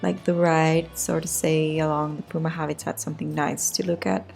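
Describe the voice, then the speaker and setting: A woman with a raspy voice giving casual, hesitant voice-over commentary on a video game build, often rewording as she goes. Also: deep voice, level tone, normal speed, a little mellow. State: raspy voice today. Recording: music behind the voice. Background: background music.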